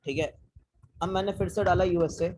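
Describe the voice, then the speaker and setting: High and steady, with a darkish tone and a slightly quick pace, a young man's voice comes through a rough recording with a bit of background noise. He teaches coding live online, explaining code step by step, questioning his students, and dropping English technical words into casual Hindi.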